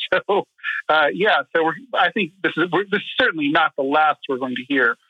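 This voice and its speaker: A man's voice: fairly high pitch, lively intonation, moderate pace, dry recording, muffled recording. A man speaking as a guest on a radio interview, thoughtful and full of ums and uhs. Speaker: guest commentator.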